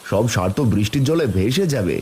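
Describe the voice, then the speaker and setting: A man's voice: on the low side, sing-song, fast talker, mellow, slight background noise. A man voicing a caring older brother, a farmer, in a cartoon, mildly warning. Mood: cautioning.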